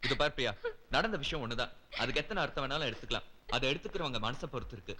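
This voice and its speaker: A man's voice: mid-range voice, expressive, very fast, pushed and bright. An actor playing a young husband, Shiva, who coaxes and reasons with his tearful wife in a film scene. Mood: reasoning. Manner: coaxing, half-laughing, reasoning. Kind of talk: film dialogue.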